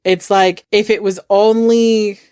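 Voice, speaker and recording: A woman's voice: mid-range voice, steady tone, takes it slowly, a little mellow, clear, resonant tone, no echo. Woman podcaster, chatty profane storyteller, dry close mic. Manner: chatty, profane, laughing asides. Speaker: podcast co-host. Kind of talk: casual storytelling retelling.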